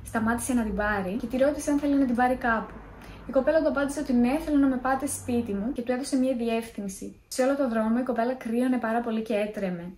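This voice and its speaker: A woman's voice: fairly high pitch, darkish tone, echoey room. A young woman in a casual vlog, chatty and self-mocking as she tells scary stories. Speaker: vlogger.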